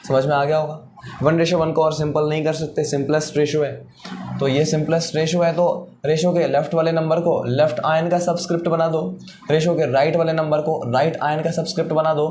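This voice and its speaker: A man with a slightly high voice teaching chemistry. He walks through every step, asks questions and answers them himself, and repeats the key rules. A faint hiss sits behind him. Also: level tone, fairly quick, darkish tone. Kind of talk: classroom-style lecture.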